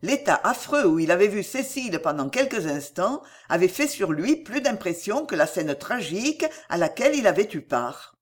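Audiobook narrator, classic novel, measured reading, very lively pitch, mid voice.

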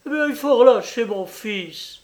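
A man voicing a fierce, desperate old peasant mother who pleads for her son in a high, shrill voice. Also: expressive, measured pace, darkish tone.

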